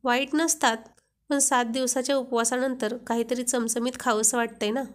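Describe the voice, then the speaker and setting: A woman's voice: fairly high pitch, fairly even intonation, moderate pace, close to an everyday voice. A woman voicing a playful young husband who keeps teasing his wife. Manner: teasing, joking.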